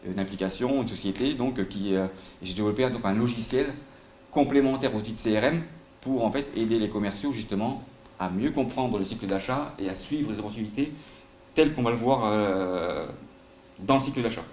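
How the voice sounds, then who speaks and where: A middle-aged man with a faint southern French accent speaks fairly quickly in a fairly low, darkish voice. He's giving a live sales talk in a conference room, hesitating, full of fillers and asking the audience questions. The hall sounds roomy with faint noise.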